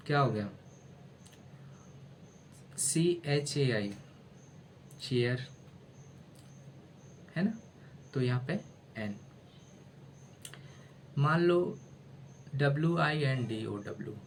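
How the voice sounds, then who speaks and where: A male teacher taking his time through a grammar lesson, in a voice of ordinary middle pitch. He spells words out one letter at a time and keeps asking his listeners questions before answering them himself. He talks to them like a friendly older brother. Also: animated, drawn-out words, pauses often, a little hiss or hum, low-quality recording. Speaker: English teacher. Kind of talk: explaining grammar in a video lesson.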